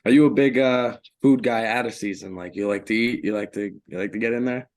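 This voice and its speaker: A male co-host with a low, gravelly voice. He asks casual interview questions on a podcast and answers the guest with short, upbeat reactions. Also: fairly even intonation, a little fast.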